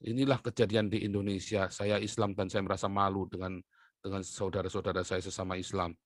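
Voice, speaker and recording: A man's voice: little pitch movement, a little fast, no echo. Heated man ranting to viewers, dry sound. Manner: impassioned, swings between loud outbursts and low muttering. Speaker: online commentator.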